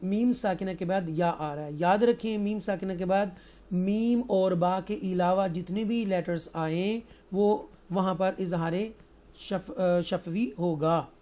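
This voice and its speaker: Man teaching Quran recitation, slow and chanted. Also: sits high, warm tone. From Pakistan. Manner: switches between slow drawn-out chanted recitation and quick explanation. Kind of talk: tajweed lesson, recitation with explanation.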